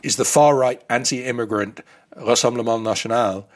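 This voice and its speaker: A man's voice: medium pitch, normal speed. A man in his fifties who grew up in the Netherlands, explaining his views in a thoughtful way as an interview guest. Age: 50s.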